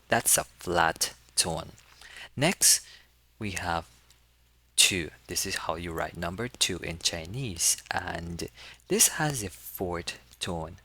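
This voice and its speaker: In a casual teaching walkthrough, a male language tutor with a low, bright, forceful voice patiently models sounds and repeats them for learners to imitate.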